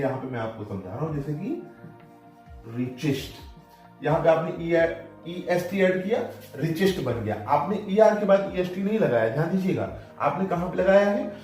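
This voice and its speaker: Lively man teaching in an echoey room. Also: high-pitched. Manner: lively, repeats "pay attention" to students. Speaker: English grammar teacher. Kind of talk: classroom lesson at a board. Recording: very echoey room, voice from far off, faint music.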